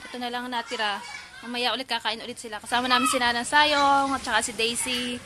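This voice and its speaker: A woman's voice: a little high, steady tone, fast talker, noisy background. A woman filming a family gathering for her vlog, chatting and calling out to the children. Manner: chatty, mixes languages, calls out to kids.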